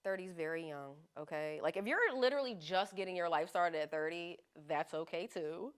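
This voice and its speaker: Woman guest on a podcast, kinda low voice, smooth and clear, chill slangy talk. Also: moderate pace. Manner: laid-back, slangy and frank, laughs often. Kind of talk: casual chat.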